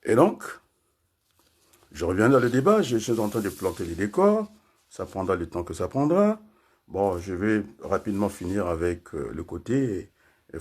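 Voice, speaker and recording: Casting: older man from congo, low voice, wandering political commentary. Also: a little mellow, breathy edge. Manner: rambling, frequent tag questions and fillers. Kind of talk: casual political talk.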